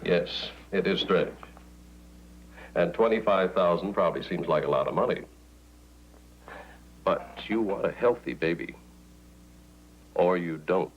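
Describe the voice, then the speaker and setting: An actor playing a polished male adoption broker in a 1980s TV drama, speaking calmly and in a businesslike way. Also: low-pitched, unhurried, pauses often, highs cut off, a little hiss or hum. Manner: calm, businesslike, lecturing.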